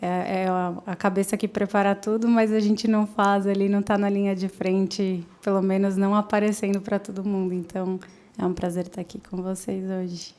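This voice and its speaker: This podcast guest, a woman in her late thirties who works in marketing, is from São Paulo and speaks with that city's Brazilian Portuguese accent. In a relaxed interview, her medium-pitched, slightly mellow voice stays flat at a moderate pace, broken by frequent laughs and filler-filled trailing off.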